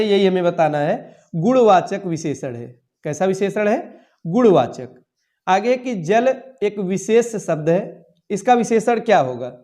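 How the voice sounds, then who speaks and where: A man's voice: sits high, a little mellow. A young man teaching, working through exam questions and answering his own questions aloud. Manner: addresses listeners as "saathiyon", asks and answers his own questions. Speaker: Hindi exam tutor. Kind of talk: explaining quiz answers.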